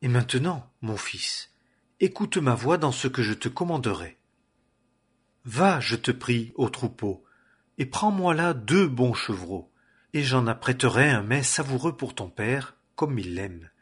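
A man's voice: medium pitch, expressive, unhurried, breathy edge. A scheming devoted mother, read by a man. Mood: urging.

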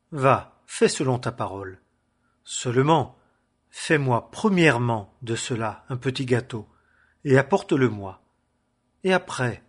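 A man reading a Bible passage aloud in a measured, solemn way, raising his voice in the quoted speeches. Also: medium pitch, slightly rough. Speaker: Bible reader. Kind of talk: scripture reading.

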